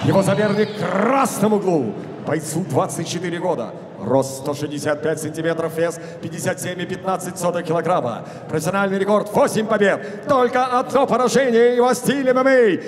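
A man giving a booming stage introduction as a ring announcer, formal, with drawn-out shouted names. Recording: booming hall reverb, faint crowd.

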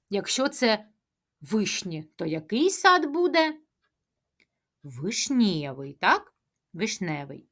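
A woman teaching a speech lesson to preschoolers, asking questions, answering them herself and chanting tongue twisters slowly. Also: medium pitch, fairly bright tone. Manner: sing-song, drawn-out tongue-twister chanting. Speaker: kindergarten teacher.

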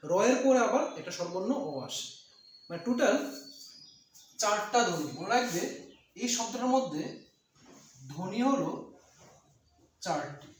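A man's voice: sits high, expressive, unhurried, pauses often. A man teaching an exam-prep grammar lesson, repeating points and asking and answering his own questions. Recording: echoey room with faint noise.

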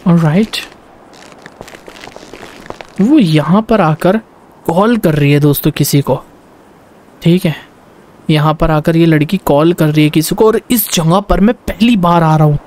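A young man giving lively gameplay commentary in Hindi mixed with English, talking to viewers as he plays. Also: a little high, measured pace, pauses often. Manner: excitable, talks to viewers, barks orders in role.

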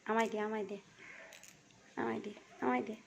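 A woman's voice: fairly high pitch, little pitch movement, normal speed, gravelly, slight background noise. A woman, a mother, chatting casually at home as she films her children, giving step-by-step orders and coaxing them along. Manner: bossy step-by-step instructions, coaxing. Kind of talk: casual home vlog chat. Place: family home.

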